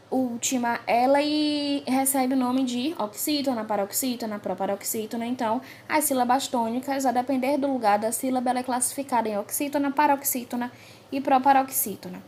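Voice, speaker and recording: Brazilian woman, primary teacher; clear, deliberate grammar review with stressed examples, faint background hiss. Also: fairly high pitch. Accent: Brazilian Portuguese. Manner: slow and clear, stressing each example word.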